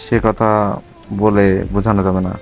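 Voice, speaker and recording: A man's voice: lowish voice, little pitch movement, normal speed, a little mellow, soft background music. A man with a Bangladeshi accent chats casually and reflectively to viewers as he rides, speaking from inside a motorbike helmet. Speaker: motovlogger. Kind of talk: casual riding vlog chat.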